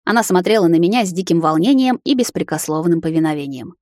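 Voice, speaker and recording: Give me a woman reading an audiobook, low voice, measured, dry close recording. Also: expressive, darkish tone, no room sound. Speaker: audiobook narrator. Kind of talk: scripted narration of a fantasy romance.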